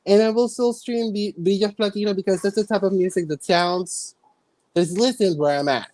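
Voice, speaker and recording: A woman from the Dominican Republic in casual chat on a video call, relaxed and hesitant with fillers. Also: mid-range voice, moderate pace, no room sound.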